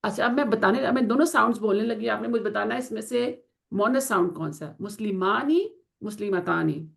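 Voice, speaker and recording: A woman teaching Quranic Arabic grammar in an online class, explaining in Urdu mixed with English and slowly drawing out the Arabic example words. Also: a little high, gravelly. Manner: slow drawn-out pronunciation of Arabic example words, asks students to confirm.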